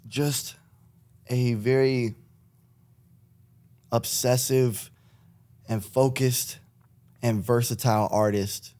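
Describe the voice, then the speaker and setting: A young man from Connecticut talks as a podcast guest, loose and rambling, often breaking into laughs. His voice sits at an ordinary middle pitch, and he drifts through long stories without hurry. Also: a little mellow. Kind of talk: casual chat.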